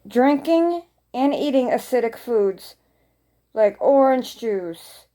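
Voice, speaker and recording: Casting: female vlogger, higher-pitched soft-edged mellow voice, informal rambling delivery with repeated phrases. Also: lively intonation, slow. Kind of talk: casual chat to viewers.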